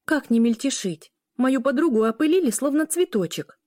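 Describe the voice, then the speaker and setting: A woman voicing an impulsive, sharp-tongued young woman in an audiobook, with snappy, indignant questions. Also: high voice, animated, moderate pace, no echo, studio quality, pitched above the performer's own voice.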